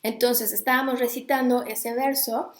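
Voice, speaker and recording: A woman's voice: a little high, steady tone, normal speed, roomy sound. A woman talking casually to viewers, chatty and digressive, stopping to greet people as she goes. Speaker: host. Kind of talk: casual live talk on Sanskrit recitation.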